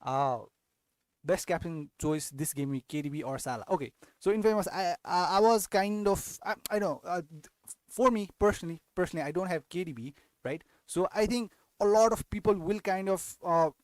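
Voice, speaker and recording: A young Nepali man with a somewhat high, slightly mellow voice hosts a casual fantasy football live-stream Q&A, recorded dry. He often restarts sentences and tacks on tag questions.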